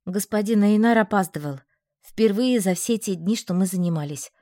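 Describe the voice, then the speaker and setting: A woman narrating a first-person novel in an even, measured reading. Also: mid-range voice, no room sound, clean studio sound. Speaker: audiobook narrator.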